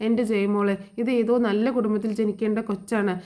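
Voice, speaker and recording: A woman reading out the lines of a kind old grandmother who gently scolds her daughter-in-law. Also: mid-range voice, level tone, a little fast, close to an everyday voice. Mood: reproachful. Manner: gently reproachful.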